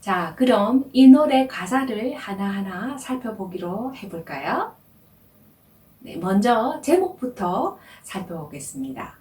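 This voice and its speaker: A woman teaching French, explaining pronunciation slowly and carefully. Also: medium pitch, sing-song, a little mellow, echoey room, distant mic. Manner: slow, careful explanation with drawn-out demonstration words. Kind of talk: language lesson.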